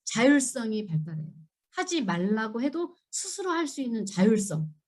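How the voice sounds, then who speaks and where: A woman's voice: sing-song, normal speed. A middle-aged woman giving a church seminar lecture, emphatic and asking the audience questions. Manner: acts out children and parents in high voices.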